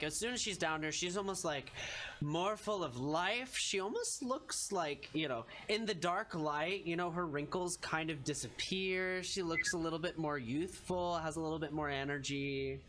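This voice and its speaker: Bright-voiced man running a game. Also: fairly high pitch. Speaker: game master. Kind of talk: casual improvised tabletop game narration. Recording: faint room noise.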